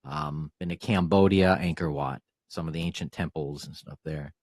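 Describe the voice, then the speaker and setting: A man hosting an interview, talking casually in a halting way with many restarts. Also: rumbling low, steady tone, darkish tone, no echo, clean studio sound. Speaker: host.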